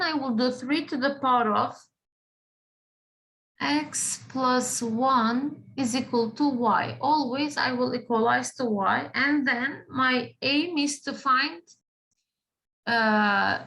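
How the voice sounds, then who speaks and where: A woman's voice: high voice, a bit bright, low-quality recording. A woman teaching a math class, patient, often checking in with the students. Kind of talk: classroom lesson.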